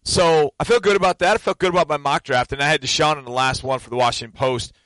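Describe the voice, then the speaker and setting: A man's voice: on the high side, quick pace, a bit bright, no room sound, poor audio. A man co-hosting a casual sports chat, rambling and self-assured as he talks about his picks. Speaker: co-host and draft analyst.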